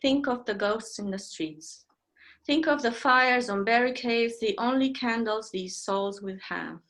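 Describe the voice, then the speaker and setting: A woman's voice: a little high, measured pace, a bit bright. Woman reading poetry. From Romania. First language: Romanian. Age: 50s. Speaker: poet reading her work.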